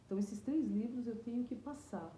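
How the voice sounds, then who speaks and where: A middle-aged woman with a Brazilian Portuguese accent, earnestly telling her personal story as an interviewee, often halting and restarting her words. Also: on the high side, dark tone. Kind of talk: emotional personal testimony. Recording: echoey room with faint noise.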